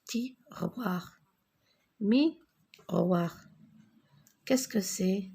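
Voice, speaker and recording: Slow, gravelly woman teaching reading. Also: medium pitch, animated, dark tone. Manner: spells out letters and syllables with long pauses, asks pupils to repeat. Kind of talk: slow, syllable-by-syllable reading lesson.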